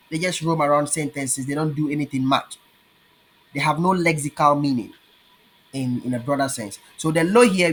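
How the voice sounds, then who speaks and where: A man with a Ghanaian accent teaching his language in an online lesson, patiently repeating words slowly. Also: fairly high pitch, fairly bright tone.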